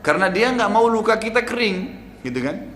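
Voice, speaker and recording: A middle-aged man preaching with a fairly high voice, weaving stories and rhetorical asides into his sermon. His voice rings through a long-reverb hall, with faint noise underneath. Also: sing-song, fairly quick, a bit bright. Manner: storytelling, rhetorical "gitu kan" asides.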